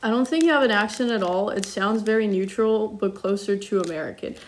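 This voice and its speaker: A young woman livestreams while cooking, chatting casually and reading viewer comments aloud in a mid-range voice with a little hiss or hum. Her international-school English carries slight German touches. Chatty and self-deprecating, she fills her talk with ums and quick apologies.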